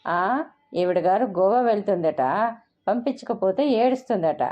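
A woman's voice: mid-range voice, lively intonation, normal speed, mellow, natural voice. Woman doing a stern, weary elder sister. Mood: stern exasperated. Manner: firm, exasperated. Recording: dull lo-fi recording.

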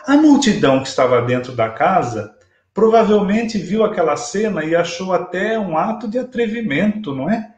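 A man in his fifties with a Brazilian Portuguese accent, giving a live-streamed spiritist lecture from a small room at home, retelling a gospel story in a measured, emphatic way over a webcam. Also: high voice, very animated, darkish tone, dull audio. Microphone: webcam at desk distance, video call. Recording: echoey room via webcam.

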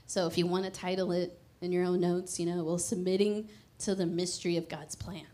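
A woman with a lowish voice and level tone preaches a sermon into a handheld mic on a church stage, speaking fairly quickly. She's conversational and emphatic, at times dropping into a hushed prayer.

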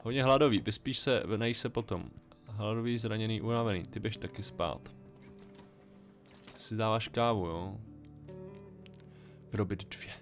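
A man's voice: lowish voice, steady tone, pauses often, soft background music. A man casually commenting on a game he plays, thinking aloud in a chatty, wry way. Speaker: let's play gamer.

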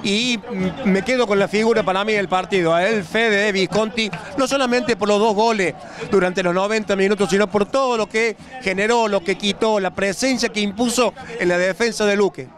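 High-voiced Argentine male football analyst. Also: fairly even intonation, moderate pace, crowd noise. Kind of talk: live match analysis. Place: outdoors at a small football ground.

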